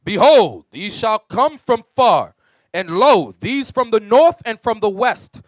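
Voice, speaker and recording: A man's voice: high voice, slow pace, no room sound. A man reading Bible verses aloud on cue during a class. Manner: steady recitation of verses on cue. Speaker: scripture reader in a Bible class.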